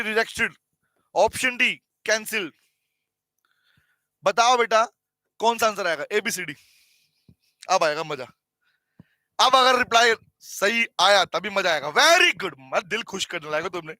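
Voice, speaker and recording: A man with an Indian accent teaching an online class, animated and teasing, calling on students by name and repeating key phrases slowly for notes. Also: very high voice, no room sound, low-quality recording.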